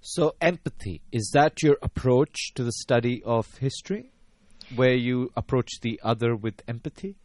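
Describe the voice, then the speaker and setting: A man's voice: medium pitch, lively intonation, moderate pace, a little mellow, no room sound. A man hosting an interview show, asking his guest questions in a polite, inquiring way. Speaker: host. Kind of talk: formal interview.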